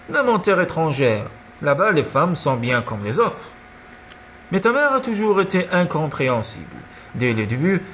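A jovial, heavyset old father who brushes off every worry in a loose, lecturing tone, as a man reads him aloud. His pitch rises and falls freely and sits a little high. The delivery stays relaxed and offhand. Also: a little hiss or hum. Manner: easygoing, lecturing, chuckling. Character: jovial stout elderly father, dismissive.

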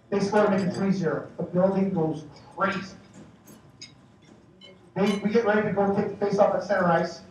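A man in his forties speaking as master of ceremonies at an awards banquet, telling a lively, joking story and acting out the shouting. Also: sits high, a little hiss or hum. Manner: animated, joking anecdotes with acted-out shouting. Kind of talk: after-dinner storytelling speech. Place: large banquet hall. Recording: echoey hall from far off, faint dish clatter.

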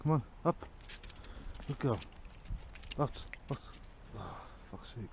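A man's voice: mid-range voice, expressive, slow pace, gravelly, heavy background noise. A man on a rocky lakeshore mutters to his dog, exasperated and then fond.

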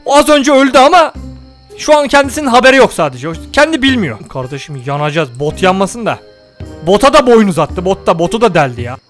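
A man's voice: high-pitched, very animated, brisk, soft background music. A young man playing a survival game, joking and telling his viewers what he does. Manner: joking, exclaims and scolds the game loudly. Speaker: gaming YouTuber. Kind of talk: comedic let's-play commentary.

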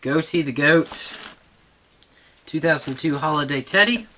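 A man's voice: on the high side, a little slow, pushed and bright, slight background noise. A man casually showing off his toy collection at home, chuckling and stopping to talk to his dog. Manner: chuckling, easily distracted, talks to his dog between items. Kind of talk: casual home video show-and-tell.

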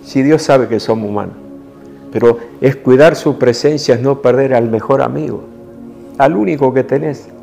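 Gravelly River Plate preacher man. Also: mid-range voice, normal speed, faint music behind. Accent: Rioplatense Spanish. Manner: intimate, emotional preaching that swings between soft hushed passages and forceful rises. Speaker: apostle preaching. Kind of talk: sermon.

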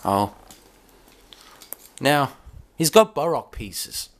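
A man giving a casual hands-on toy review in a dim room, talking in a rambling, halting way with many restarts. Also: mid-range voice, big pitch swings.

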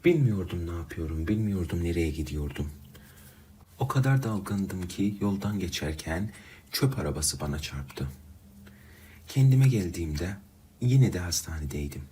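A man narrating a sorrowful first-person story, reading in a slow, uneven way. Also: low-pitched, expressive, warm tone, slight background noise.

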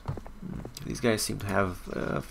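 Low gravelly man rambling through gameplay. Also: steady tone, slow. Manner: thinks aloud, swears freely, laughs at himself. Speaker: let's play host. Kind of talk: casual gameplay commentary.

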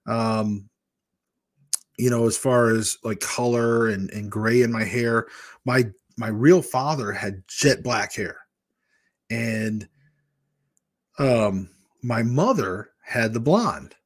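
A fiftysomething weight-loss vlogger from Michigan hosts a laid-back live chat with viewers from a small room at home, using a large desk mic in front of his webcam. He speaks slowly at medium pitch, pausing often, and candidly drifts from one story to the next.

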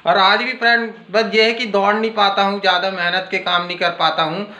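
A man's voice: high-pitched, flat delivery, fairly quick, bright, forceful tone, reverberant. A man chatting casually to viewers in a home vlog, filming on his phone in the kitchen. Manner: chatty, addresses viewers as friends. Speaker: vlogger.

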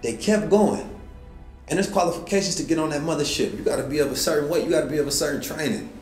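A man giving a motivational talk in a somewhat high voice, preaching to his listeners and throwing out rhetorical questions. His voice rings in a roomy, echoey space, with faint music underneath. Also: fast talker, a little mellow. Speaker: host.

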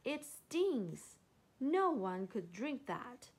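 Woman doing a loud blustering elephant. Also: fairly high pitch, big pitch swings, takes it slowly, husky, heavily acted. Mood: boastful. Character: boastful big male elephant.

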